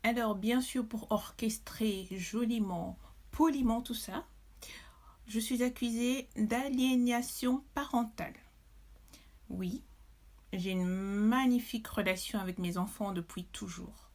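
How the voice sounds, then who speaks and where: This Belgian mother, testifying to camera, tells her story slowly in a voice on the high side with a darkish tone. Emotion and indignation come through, along with many hesitations.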